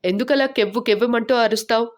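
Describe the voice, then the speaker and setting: A touchy young male lecturer with a dry way of talking, in a storybook reading, as a woman narrator voices him. He sits a little below the narration and stays flat and matter-of-fact. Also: on the high side, quick pace, natural voice.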